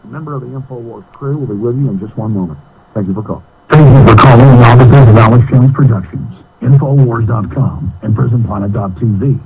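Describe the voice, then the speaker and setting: A man reading recorded phone menu prompts in a measured, even way, heard over a landline phone. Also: medium pitch, breathy edge, soft background music. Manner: measured, evenly read announcements. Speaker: automated phone menu announcer. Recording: narrow phone line with faint hiss.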